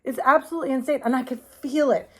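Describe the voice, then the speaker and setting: A woman with a somewhat high voice runs a casual show-and-tell vlog. She gushes and exclaims over each piece, drops swear words freely, talks straight to her viewers and calls her crystals "she" or "baby". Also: fairly even intonation, quick pace, a bit bright. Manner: gushing and exclamatory, with frequent swearing. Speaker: crystal shop owner and vlogger.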